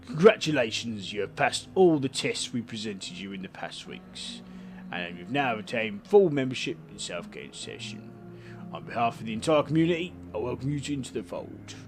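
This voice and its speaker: A man's voice: mid-range voice, very animated, moderate pace, over music. A man voicing a male community leader in a game, reading a formal welcome in an exaggerated mock Cockney accent. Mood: welcoming.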